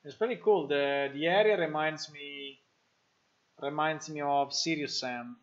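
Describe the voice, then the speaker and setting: A man's voice: on the high side, a little slow. A man from Italy with an Italian accent, chatting casually while building a game live, thinking aloud with frequent fillers and restarts. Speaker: game developer streaming live. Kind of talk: casual live-stream coding chat. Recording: dull lo-fi stream audio.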